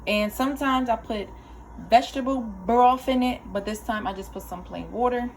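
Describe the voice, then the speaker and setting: A woman's voice: fairly high pitch, moderate pace, slight background noise. A young adult woman chatting casually to viewers while cooking in her home kitchen, folksy and talkative. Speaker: cooking vlogger.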